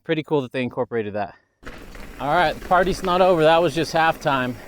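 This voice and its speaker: A man's voice: fairly high pitch, animated, fairly quick, slight background noise. Man giving a riding commentary outdoors. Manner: enthusiastic, talks while riding. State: a little winded. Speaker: mountain bike reviewer. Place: outdoors on a desert trail.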